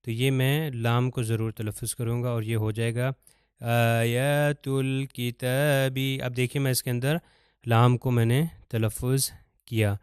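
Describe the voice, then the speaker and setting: Male recitation teacher, patient explainer, resonant clear tone, dry close-miked sound. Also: medium pitch, little pitch movement, darkish tone, dry recording. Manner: explains patiently, slows to chant Arabic examples. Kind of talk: step-by-step recitation lesson.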